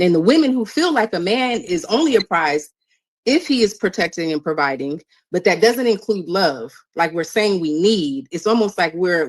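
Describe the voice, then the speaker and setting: Woman guest on a panel, deep-ish voice, careful and kinda hesitant. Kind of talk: measured panel discussion.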